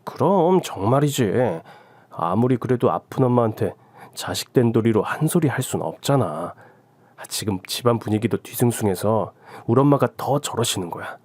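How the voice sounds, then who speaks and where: A man's voice: medium pitch, expressive, moderate pace, darkish tone, dry recording, lightly acted. A man voicing an evasive young husband who keeps placating his wife in a radio drama. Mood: wheedling. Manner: placating, wheedling.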